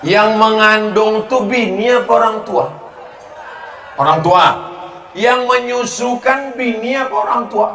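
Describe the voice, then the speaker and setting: A preacher with a high-pitched, fairly bright voice answers audience questions in a humorous sermon, speaking emphatically at a measured pace and posing rhetorical questions to listeners. The recording comes from an echoey hall with background noise.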